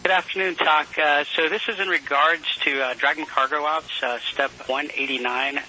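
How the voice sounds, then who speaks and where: Over a crackly, hissy space radio link, a man serving as a mission control communicator delivers formal procedural calls and readbacks. His voice is on the high side and sharp, with fairly even intonation and a moderate pace.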